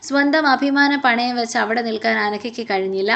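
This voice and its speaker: A woman narrates a romance story in a steady, expressive reading. Her voice sits a little high. She keeps an even, scripted storytelling pace. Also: brisk, creaky, lo-fi sound.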